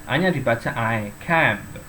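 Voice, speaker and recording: A man's voice: medium pitch, measured pace, noisy background. A man teaching English in an online class, explaining step by step and reading example sentences and dictionary entries aloud.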